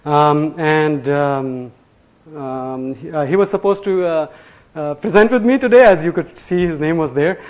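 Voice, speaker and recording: A man's voice: on the high side, unhurried, a little mellow. A man presenting a live technical talk to a room. He talks loosely, with many fillers and restarts, and laughs at himself. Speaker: conference presenter. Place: lecture room before an audience.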